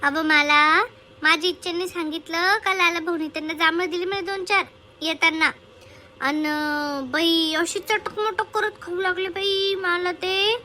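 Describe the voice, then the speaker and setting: A woman's voice: very high voice, steady tone, measured pace, sharp tone, a little hiss or hum. A woman, chatting and fussing in a village comedy sketch.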